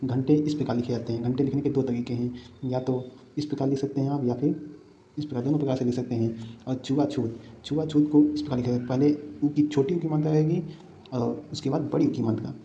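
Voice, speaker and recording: A man's voice: medium pitch, steady tone, a little fast, warm tone, highs cut off, a little hiss or hum. A male teacher giving a Hindi spelling lesson for exam prep, who repeats each word and keeps asking his students rhetorical questions. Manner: repeats words and asks the class rhetorical questions.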